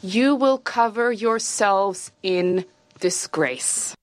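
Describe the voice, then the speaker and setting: A woman working as a live interpreter, speaking as a voice-over and rendering a formal statement in slow, measured phrases. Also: medium pitch, dry recording. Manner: slow, measured delivery of translated speech. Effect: simultaneous interpreter voice-over from a broadcast feed.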